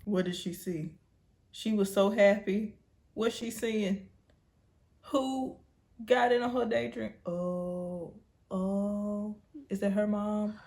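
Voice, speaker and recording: A woman's voice: medium pitch, takes it slowly, long pauses, darkish tone. A woman with an American accent giving colloquial, casual reaction commentary as she talks back to the screen. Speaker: reaction show host.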